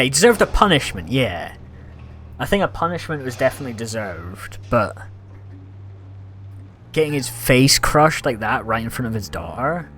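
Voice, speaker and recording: A Scottish man streams a game, chatting casually, rambling, and reacting aloud to what happens on screen. His medium-pitched voice is a bit bright in this casual live-stream commentary.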